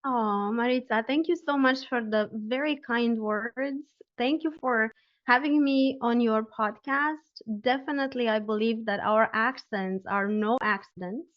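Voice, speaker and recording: A woman with a Romanian accent, speaking as a podcast guest in an earnest, gently emphatic way. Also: fairly high pitch, measured pace. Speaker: guest, spiritual life coach. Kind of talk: casual interview chat. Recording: dull lo-fi audio.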